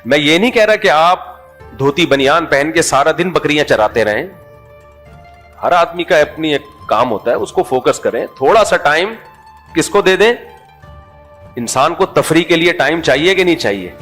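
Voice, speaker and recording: A man's voice: on the high side, lively intonation, a bit bright, faint music behind. A middle-aged man with a Pakistani Urdu accent gives a sermon in a joking, conversational way, often putting questions to his audience. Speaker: Islamic preacher.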